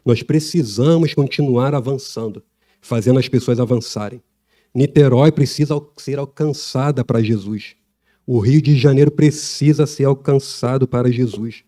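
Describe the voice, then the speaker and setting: A middle-aged man, preaching a sermon in a church in a relaxed, conversational way, with laughs and asides. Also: mid-range voice.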